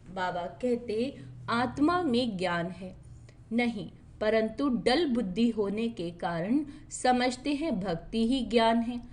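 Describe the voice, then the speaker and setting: A woman reading a daily spiritual lesson aloud in a steady, measured devotional recitation. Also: a little high. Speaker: spiritual discourse reader.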